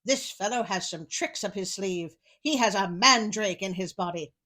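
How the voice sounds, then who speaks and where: A woman voicing a huge, dim and rude male giant in a read-aloud storybook, speaking in a loud, bossy, blustering way. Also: medium pitch, moderate pace. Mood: alarmed.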